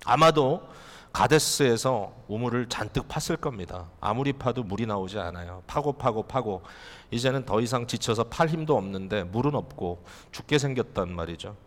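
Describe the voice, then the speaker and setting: A man's voice: mid-range voice, expressive, normal speed. Guy pastor preaching, talky, lots of questions to the crowd, long echo like a big church. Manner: conversational preaching, rhetorical questions to the congregation. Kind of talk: sermon. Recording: long hall reverb.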